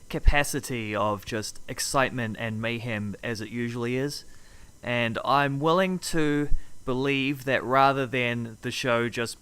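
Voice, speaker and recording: A man's voice: mid-range voice, fairly bright tone, clean tone. A man co-hosting a podcast, chatting casually in offhand, clipped phrases. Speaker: podcast co-host. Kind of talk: casual podcast chat about television.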